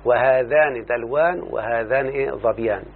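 Egyptian male teacher, slow and deliberate, keeps quizzing the student, phone-like sound with a faint hum. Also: medium pitch. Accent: Egyptian Arabic. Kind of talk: Arabic grammar lesson.

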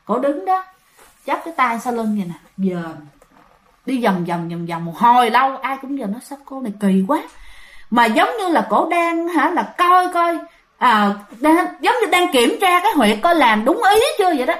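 A woman with a high voice tells a ghost story to her listeners. Her delivery is casual and chatty, turning to address them again and again. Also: sing-song, normal speed, fairly bright tone.

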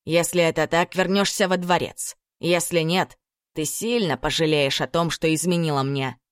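Brief: cold, threatening sheikh in an audiobook, read by a woman, lower voice. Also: fairly even intonation, moderate pace, clear, resonant tone, no room sound, clean studio sound, lightly acted. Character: menacing domineering male sheikh.

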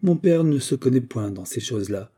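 A man reading aloud voices a proud, scornful young noblewoman, raising his voice higher and sharper for her haughty, indignant replies. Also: lively intonation, moderate pace, warm tone, husky.

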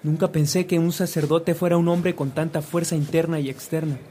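Eager, devout confider for radio serial male actor: highish voice, earnest, expressive. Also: fairly quick, slight background noise, lightly acted. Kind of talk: radio drama acting.

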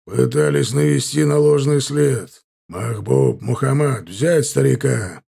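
Man doing a menacing bandit leader, slow hissing threats, dark gravelly voice, audiobook story. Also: mid-range voice, exaggerated voice.

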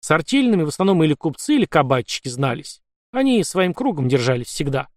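A sly young Cossack speaks in a plain, easygoing way with a wry edge, as a male audiobook narrator voices him. The voice sits a little higher than the narrator's own. It is recorded close and dry. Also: big pitch swings, fast, no room sound. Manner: easygoing, wry, matter-of-fact. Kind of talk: audiobook character voice.

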